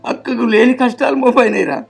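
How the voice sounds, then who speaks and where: A man's voice: very high voice, quick pace, vocal fry, breathy edge, faint music behind, full character voice. An actor with a Telangana Telugu accent playing a grieving older father who laments at length. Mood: lamenting. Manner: pleading, lamenting in long rural laments. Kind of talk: family web drama acting.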